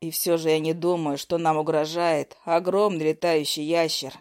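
A protective young healer , played by a woman, speaks in a lowered, steady voice. He is tender with his girlfriend but blunt with his rival, and the sound is close and dry. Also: normal speed, smooth, no room sound, lightly acted. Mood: caring.

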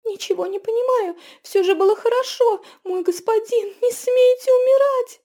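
A woman voicing a frantic, tearful young woman who pleads in a high, shrill voice. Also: moderate pace. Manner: shrill, pleading, near-shouting.

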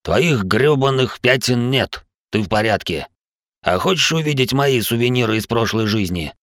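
A man's voice: fairly low pitch, lively intonation, moderate pace, dry recording, natural voice. A man voicing a hot-headed, crude American soldier type in an audiobook. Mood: angry. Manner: crude, quarrelsome. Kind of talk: audiobook character voice.

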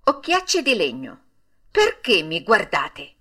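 A woman's voice: on the high side, lively intonation, unhurried, sharp tone, voice pushed up. A woman voicing a fretful old male woodcarver who scolds in a raised, exclaiming voice. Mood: scolding.

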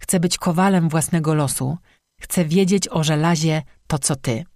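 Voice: medium pitch, normal speed, darkish tone, no echo, studio quality, natural voice. An audiobook narrator voicing a stubborn, defiant young village girl who speaks in a headstrong way. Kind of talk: audiobook reading.

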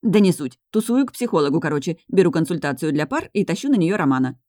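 A woman reading aloud, voicing a loud, pushy young woman who teases her friends. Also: on the low side, very animated, quick pace, dry recording, clean studio sound. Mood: bossy. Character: brash bossy young woman, scheming friend.

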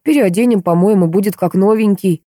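A woman's voice: mid-range voice, fairly quick, dark tone, dry recording, clean studio sound, close to an everyday voice. A woman reading an audiobook, voicing a fervent, unstable young man who talks with feverish insistence. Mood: eager.

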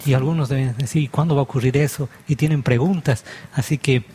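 A pastor hosts a religious television talk show and welcomes his guests. His voice is husky and a little breathy at a medium pitch. He speaks in the steady, inviting way of a presenter. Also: fairly quick. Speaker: host, pastor.

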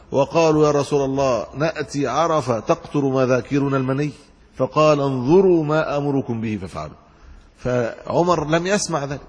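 Husky male scholar in a reverberant hall. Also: on the high side. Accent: Egyptian Arabic. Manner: reads classical text then explains in colloquial asides. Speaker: Islamic scholar teaching hadith commentary. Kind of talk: religious lesson explaining a hadith text.

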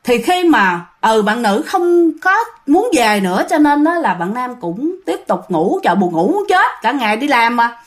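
A woman narrating ghost stories in a casual, animated way, talking straight to her listeners. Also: a little high, moderate pace, hardly any pauses. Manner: animated, addresses listeners as "các bạn". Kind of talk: casual spoken storytelling.

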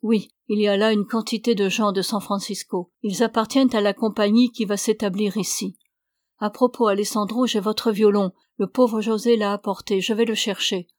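A woman reading the lines of a brisk, outspoken middle-aged innkeeper woman in an audiobook, in a dry recording. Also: medium pitch, fairly even intonation, a little mellow, dry recording, lightly acted. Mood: eager.

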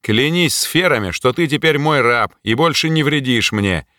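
A man voicing a weary, sharp-tongued male mage in an audiobook, curt and commanding. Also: mid-range voice, lively intonation, normal speed, no echo, clean studio sound, voice pushed up.

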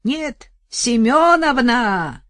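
A woman voicing an anguished elderly village woman, a driver's wife, who pleads tearfully and shouts back in panic. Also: medium pitch, big pitch swings, slow, no room sound, studio quality, pitched above the performer's own voice. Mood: shouting.

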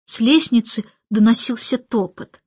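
A woman narrating an audiobook in an expressive storytelling manner. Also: a little high, normal speed, breathy edge, no echo. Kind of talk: scripted narration. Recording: dry, slightly dull recording.

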